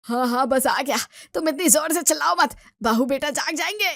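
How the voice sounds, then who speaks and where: A woman's voice: high voice, normal speed, vocal fry, a bit bright, dry recording. Woman doing a stubborn greedy old father-in-law over 65, whiny and pleading, dry sound. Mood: urgent.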